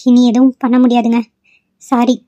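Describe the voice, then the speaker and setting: A woman voicing a calm female doctor in a cartoon, who speaks in a reassuring, matter-of-fact way. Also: a little high, moderate pace, natural voice. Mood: grave. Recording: dull lo-fi dry recording.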